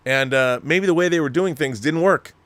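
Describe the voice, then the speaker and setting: Slightly high and fairly bright, this man's voice carries no echo. As host of a film talk show, he reads letters from viewers and gives forceful, opinionated commentary in a loose, rambling style, frequently stopping partway through a sentence to rephrase.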